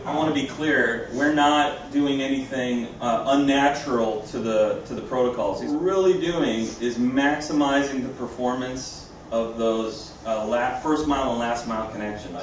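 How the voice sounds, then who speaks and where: A man presents a live product demo in an informal, explanatory way. He sounds distant from the microphone in a strongly reverberant room, with clear noise behind him. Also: mid-range voice. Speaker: company presenter.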